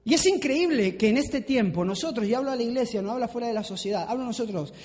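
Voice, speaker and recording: Guy preaching at church, super high voice, keeps firing questions at the crowd. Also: animated, fast talker, darkish tone. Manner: repetitive rhetorical questions to the congregation. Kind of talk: sermon. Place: church hall. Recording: long reverb of a large hall.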